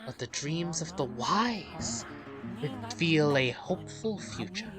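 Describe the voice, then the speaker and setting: Game music plays as a low-pitched, animated woman slowly narrates a game's story in her let's play. She performs it like a dramatic storyteller and keeps interjecting with comments of her own.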